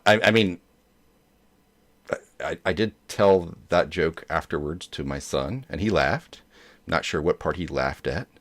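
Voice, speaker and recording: A man hosting a joke show in casual chat, rambling along with many hesitations. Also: extremely low pitch. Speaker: host of a dad joke show.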